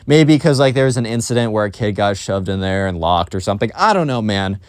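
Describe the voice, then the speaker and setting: A man's voice: on the low side, expressive, fairly quick, smooth, no room sound. Rambling young storytelling man, dry sound. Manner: rambling, filler-heavy. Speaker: storytime YouTuber. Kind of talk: casual storytime vlog.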